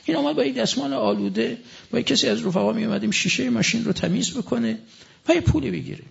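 A middle-aged male preacher delivers a sermon with a fervent, insistent drive, reciting scripture between his own words. His voice sits high and carries a gravelly rasp. The recording is muffled and lo-fi. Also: very animated. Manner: impassioned, rising to fervent emphasis, recites scripture in Arabic. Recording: dull lo-fi recording.

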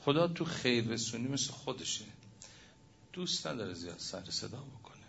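Male preacher, low gravelly voice, fervent sermon storytelling, muffled recording with faint hiss. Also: very animated. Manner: impassioned, swings from loud to hushed.

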